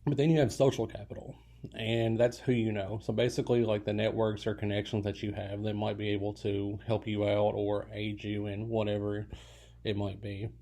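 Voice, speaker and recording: A man's voice: fairly low pitch, flat delivery, moderate pace, warm tone. A man giving a recorded lecture in a loose, casual way, full of fillers and restarts, now and then stifling a yawn. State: yawning. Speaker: college lecturer.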